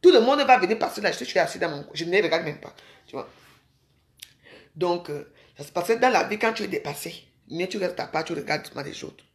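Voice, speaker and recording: A woman's voice: lowish voice, expressive, a little fast, reverberant. A woman from Cameroon, rambling casually to her viewers and calling them sisters. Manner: chatty, addresses viewers as sisters. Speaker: vlogger.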